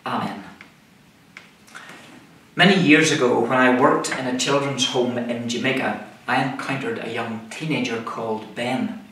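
Recorded from a distance in a very echoey small room, a middle-aged preacher sits at a table and delivers a scripted sermon. He speaks in short phrases, measured and deliberate, with a mid-range, fairly bright voice and faint background noise.

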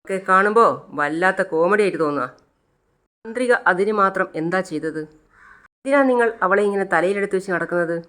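A woman voices a resentful, spoiled grown daughter, sulking and complaining as she argues. The voice sits a little higher than the storyteller's own and pushes forward with grievance. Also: expressive, moderate pace, fairly bright tone, natural voice. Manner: sulky, complaining, confrontational.

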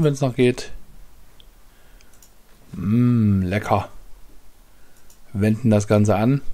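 Low-voiced man talking through tank stats. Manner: relaxed, thinking aloud with many fillers. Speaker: gaming channel host. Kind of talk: casual game commentary. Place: home room at a desk.

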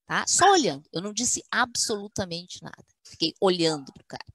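A woman's voice: medium pitch, sing-song, a little fast, a bit bright, breathy edge, dry recording. A woman academic, telling stories in a webinar chat and acting out quotes in a firm motherly voice. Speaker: guest speaker, university academic. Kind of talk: webinar conversation, storytelling.

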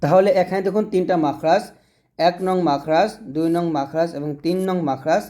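A man's voice: high voice, dark tone. A man teaching Quran reading, patiently explaining how each letter is pronounced and repeating the points step by step. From Bangladesh. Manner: patient, repetitive explanation with drawn-out letter demonstrations. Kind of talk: lesson.

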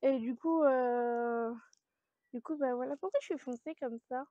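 A woman's voice: high-pitched, a little slow, no room sound. A woman chatting casually to camera about her grocery haul, rambling with many fillers and little laughs. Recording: dry, dull lo-fi sound.

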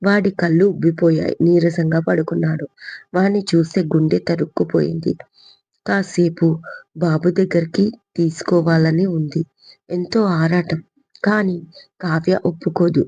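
A woman narrating her own written story in a steady storytelling manner. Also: fairly low pitch, normal speed, creaky, husky, no room sound. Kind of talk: scripted narration. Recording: dull lo-fi recording.

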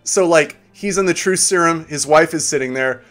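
A man's voice: on the high side, moderate pace, a bit bright, soft background music. A man streaming a game, chatting casually with viewers, laid-back, swearing and laughing often. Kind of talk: casual live-stream chat.

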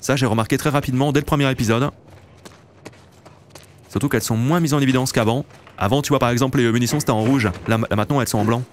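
A man's voice: medium pitch, steady tone, fast talker, long pauses, slight background noise. A man in his late twenties, hosting a let's play and chatting casually to viewers while he plays. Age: late 20s. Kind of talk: casual gameplay commentary.

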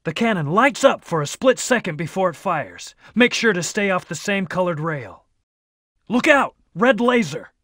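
A man's voice: high-pitched, sing-song, moderate pace, fairly bright tone, dry recording, clean studio sound, heavily acted. An actor playing a brooding, aloof hedgehog antihero in a video game, terse, serious and commanding as he leads his team. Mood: urgent, commanding. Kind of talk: English video game voice acting, short battle callouts.

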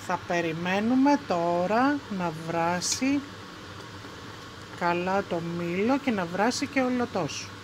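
A woman with a Greek accent hosting a home cooking video, calmly explaining each step in her kitchen. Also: fairly low pitch, background noise. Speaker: cooking show host.

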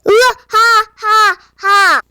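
A woman voicing a boastful, menacing giant warrior man in a children's Bible play, with slow taunts and drawn-out laughs. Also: extremely high pitch, a bit bright, exaggerated voice. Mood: mocking, menacing.

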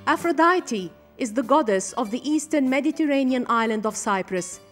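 A woman reads documentary narration in a steady, formal manner. Her voice is on the high side, with soft music faintly underneath. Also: normal speed.

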